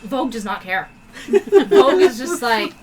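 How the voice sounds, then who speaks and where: A woman's voice: fairly high pitch, sing-song, measured pace, rough recording. A woman playing a tabletop game, chatty and laughing often. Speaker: player. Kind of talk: casual tabletop game chat.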